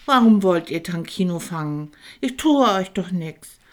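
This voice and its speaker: A woman doing a small excitable dragon, high and loud. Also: a little slow. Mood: puzzled. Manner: says "oh Mann, oh", speaks of himself by name. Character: small friendly young male dragon. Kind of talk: children's audiobook reading.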